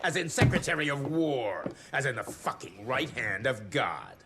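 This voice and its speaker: A man's voice: medium pitch, lively intonation, normal speed, very noisy, natural voice. A man playing a power-hungry, bullying government official, grandiloquent and mocking, in a video game cutscene. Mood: menacing contempt.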